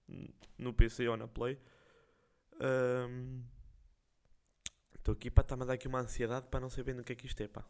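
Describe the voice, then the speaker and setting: A young man with a European Portuguese accent, hosting a podcast and telling stories casually in slangy, animated, jokey speech. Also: medium pitch. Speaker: podcast host. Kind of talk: casual storytelling.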